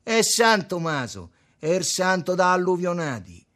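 A man's voice: high-pitched, big pitch swings, unhurried, sharp tone, voice pushed up, full character voice. A man voicing a sluggish, sarcastic man from the Roman slums, with a Roman accent and a thick, pasty delivery.

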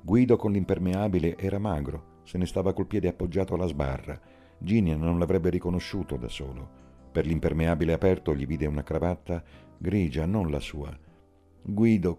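A man narrates a literary novel in a slow, measured audiobook reading. His voice is extremely deep and dark, and faint music sits underneath.

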